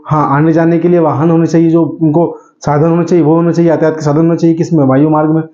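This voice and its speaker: A man's voice: fairly high pitch, flat delivery, fast, warm tone, roomy sound, highs cut off. A man teaching an exam-prep lesson, calling his students 'beta', asking a question and answering it himself, and repeating the answers.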